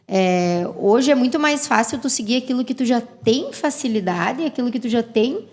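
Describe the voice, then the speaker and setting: A woman's voice: on the high side, animated, moderate pace. A woman, a guest entrepreneur talking chattily in a casual podcast conversation.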